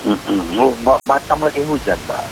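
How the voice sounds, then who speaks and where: A man's voice: medium pitch, normal speed, creaky. A man calling in to a radio show, his voice faint and distant as if the phone is held away from him, chatting casually and searching for words. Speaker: radio call-in listener. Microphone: phone call. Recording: hissy phone line.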